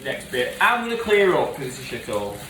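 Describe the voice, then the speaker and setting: A man chatting casually while cooking at home, jokey and quick to laugh. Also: mid-range voice, very animated. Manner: giggly, jokey, laughs often. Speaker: co-host of home cooking video. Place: home kitchen. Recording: echoey kitchen, mic far off, noisy.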